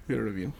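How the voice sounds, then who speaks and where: A man's voice: medium pitch, vocal fry, a bit bright, slightly rough. A man hosting a casual chat, reading trivia notes loosely with fillers, laughs and the odd swear. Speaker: podcast host.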